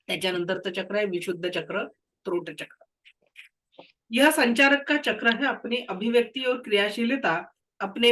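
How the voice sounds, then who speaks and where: A woman's voice: medium pitch, a bit bright, low-quality recording. Woman with a cold teaching reiki. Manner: explains patiently, tells case stories. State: has a cold and cough. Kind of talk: spoken lesson to students.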